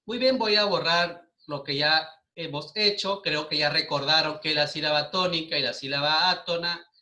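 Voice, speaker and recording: A man's voice: fairly high pitch, normal speed, bright, forceful tone. A man with a Peruvian Spanish accent teaching a primary school class online, patiently asking questions and repeating the answers. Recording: echoey room.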